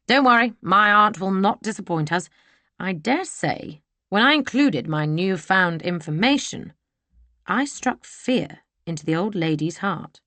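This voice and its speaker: A woman voicing a sly, mocking young gentleman villain for an audiobook. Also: medium pitch, animated, measured pace, dry recording. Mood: smug. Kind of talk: audiobook character voice.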